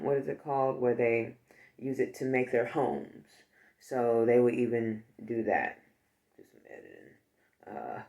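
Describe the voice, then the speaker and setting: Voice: mid-range voice, darkish tone. A vlogger talking casually to the viewer, rambling and joking, with frequent asides. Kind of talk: casual chat.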